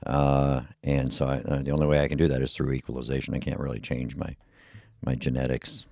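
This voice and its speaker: Rumbly, gravelly bass-voiced male podcaster. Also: little pitch movement, brisk, a little mellow. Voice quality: rumbly, low voice. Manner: mumbly, rambling, with many fillers. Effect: equalizer filter on the mic. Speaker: podcast host. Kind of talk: casual solo podcast monologue. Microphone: heavy dynamic podcast mic on a boom arm.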